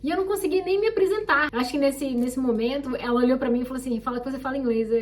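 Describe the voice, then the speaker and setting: A young Brazilian woman telling her own story in a casual, animated way and acting out the people she quotes. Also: high-pitched, rapid-fire, far from the mic. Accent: Brazilian Portuguese. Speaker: vlogger.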